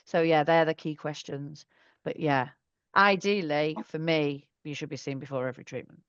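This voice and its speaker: Chatty woman specialist nurse, low-pitched. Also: steady tone, normal speed, clean tone, no echo, lo-fi sound. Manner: chatty, thorough, self-correcting. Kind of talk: online Q&A session answering questions.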